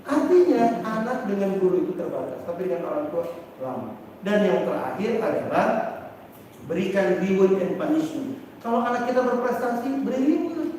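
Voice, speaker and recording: A man, an Islamic teacher, giving a lively parenting lecture and acting out parents and children as he talks. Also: sits high, moderate pace. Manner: animated, acts out parents and children, asks the audience questions. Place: large seminar room. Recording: distant, very echoey hall with faint noise.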